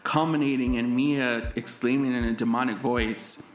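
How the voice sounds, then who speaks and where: A man co-hosting a casual movie podcast, recapping a horror film's plot with animated commentary. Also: mid-range voice, normal speed, roomy sound. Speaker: podcast co-host. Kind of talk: casual movie review chat.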